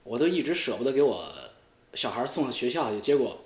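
A middle-aged man, rambling crudely and teasingly in a comic monologue, swearing freely and breaking into loud high outbursts. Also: expressive, quick pace, slight background noise. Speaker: YouTube streamer. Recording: echoey room.

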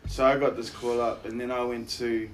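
In this low-quality recording with slight background noise, a man around his thirties with a broad Kiwi accent speaks briskly and flatly at medium pitch. An actor and musician, he's an interview guest telling anecdotes in a laid-back, slangy, self-deprecating way.

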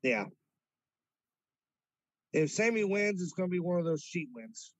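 A man co-hosting a podcast, chatting casually about wrestling and quick to push back. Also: sits high, sing-song, dry recording. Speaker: podcast co-host.

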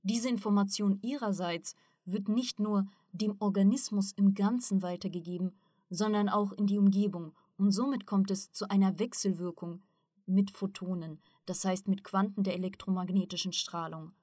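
A calm, learned male mentor, read by a woman narrating an audiobook explains things patiently in a steady, mid-pitched voice. The sound is dry and close. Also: normal speed, dry recording, close to an everyday voice. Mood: explaining.

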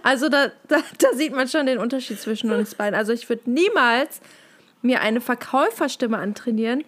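Blunt teasing woman in her 30s, kinda high voice, chatting on a podcast and laughing a lot. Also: a little fast, a bit bright. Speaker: podcast co-host. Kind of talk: casual chat.

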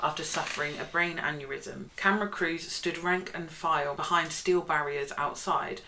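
A woman with a Northern English accent hosting a casual podcast, reading case notes aloud and breaking into loud mocking asides. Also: normal speed, low-quality recording. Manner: reads quotes aloud, bursts into loud high mockery. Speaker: podcast host.

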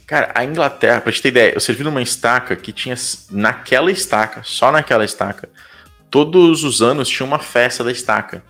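A man's voice: mid-range voice, fairly quick, fairly bright tone, faint music behind. A young Brazilian man with a Brazilian Portuguese accent, talking casually as an interview guest and leaning on fillers like "cara" and "tipo".

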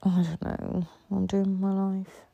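A woman's voice: medium pitch, little pitch movement, moderate pace, gravelly, warm tone, slightly rough, no room sound, lo-fi sound. A tired woman in a candid solo podcast monologue, rambling and swearing a lot, frustrated and raw.

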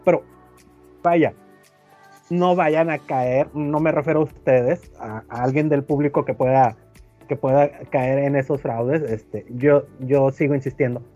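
A man's voice: mid-range voice, fairly even intonation, unhurried, warm tone, highs cut off, soft background music. Chatty Mexican man telling a story. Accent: Mexican Spanish. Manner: rambling storyteller, acts out quoted voices, many fillers. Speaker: podcast co-host. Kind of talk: casual chat, telling an anecdote.

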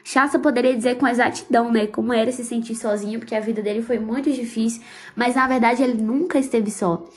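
A woman's voice: fairly high pitch, steady tone, fast. A woman hosting a podcast, talking about a book in a heartfelt, fervent, casual way with religious exclamations. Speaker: podcast host. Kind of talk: emotional casual book commentary.

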